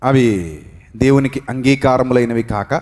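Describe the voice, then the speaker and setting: A male pastor preaching a sermon, swinging between loud, high exhortation and hushed, low emphasis, drilling the congregation to repeat phrases aloud. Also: a little slow. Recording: long reverb in a hall.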